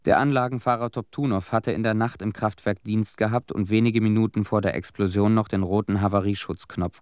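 In a radio drama, a man plays a young, disillusioned cleanup veteran worn down by war, delivering his testimony soberly in short, clipped sentences. His low, slightly mellow voice is recorded dry and close with no room sound, and the acting is light.

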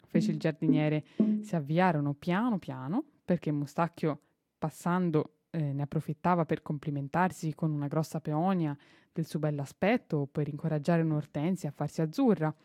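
Mellow-voiced woman reading a children's story. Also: low-pitched, dry recording, studio quality, soft background music. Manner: expressive, unhurried, with small slips and self-corrections. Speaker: reader of a children's novel. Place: radio studio.

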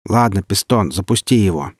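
A man's voice: low voice, animated, moderate pace, breathy edge, no room sound, clean studio sound. A man voicing a brusque, commanding male mercenary boss speaking over a radio.

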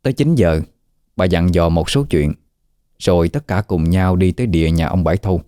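A man narrating a scripted ghost story in a steady way. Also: deep voice, moderate pace, no room sound, studio quality. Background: faint background music.

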